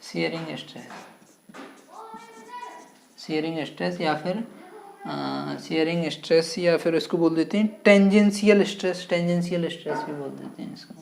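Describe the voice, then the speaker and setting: Female physics tutor, lower register, drills terms by repetition and check questions. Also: moderate pace, gravelly, background noise. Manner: repeats key terms and asks rhetorical check questions. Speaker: physics teacher. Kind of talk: classroom-style physics lesson.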